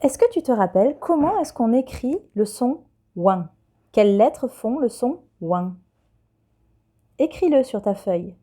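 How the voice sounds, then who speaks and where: Slow, lively-voiced teacher woman. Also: fairly high pitch. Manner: patient and encouraging, spells letters one by one. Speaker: primary school teacher. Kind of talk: slow, clear dictation lesson for young children.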